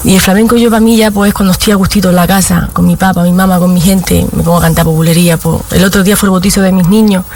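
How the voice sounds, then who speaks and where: A flamenco singer from Granada, Spain, chats in a casual interview with an Andalusian accent, laughing often and speaking in short, loose fragments. Her voice is on the low side and darkish, with a steady tone, delivered fast with few pauses. There's a little hiss or hum in the audio.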